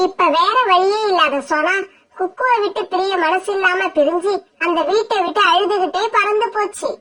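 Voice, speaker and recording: Very high-voiced woman storyteller. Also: moderate pace, bright, forceful tone. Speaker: narrator. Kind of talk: storytelling narration for children.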